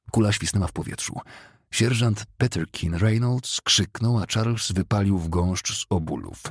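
A man narrating a novel as an audiobook, in a steady, measured storytelling manner. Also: sits low, vocal fry, breathy edge, dry recording, studio quality.

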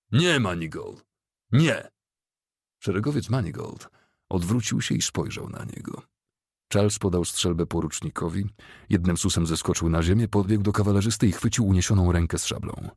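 A man narrating a novel as an audiobook, in a steady, measured storytelling manner. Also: deep voice, breathy edge, dry recording, clean studio sound.

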